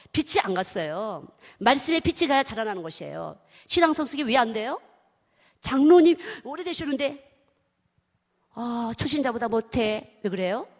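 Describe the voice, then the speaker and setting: A middle-aged woman preaching a sermon emphatically, swinging between loud exclamations and hushed whispers. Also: mid-range voice. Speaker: children's missionary preaching. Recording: long hall reverb.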